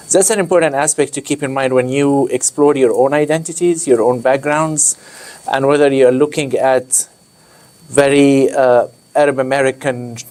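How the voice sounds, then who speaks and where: This is a man from Egypt, a university director, addressing visiting students in an unscripted way. He pauses and restarts often, filling gaps with small hesitations. His voice sits at an ordinary mid pitch for a man. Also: darkish tone. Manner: hesitant, many fillers and restarts. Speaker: director of a university study center. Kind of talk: informal talk to visiting students.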